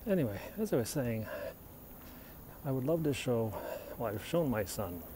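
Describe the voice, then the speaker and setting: A middle-aged American man with a mid-range, sing-song voice talks at a moderate pace while livestreaming a hilltop hike, casually answering viewer questions. He films on a phone held in hand as he walks, so the outdoor recording is noisy.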